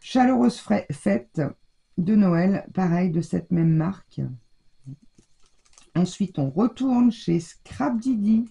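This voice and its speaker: French woman, scrapbooking vlogger, rambling filler-heavy chatter, mellow tone, stuffy nose. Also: mid-range voice, lively intonation, slow, gravelly, pauses often. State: scratchy throat, stuffy nose. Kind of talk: casual show-and-tell haul.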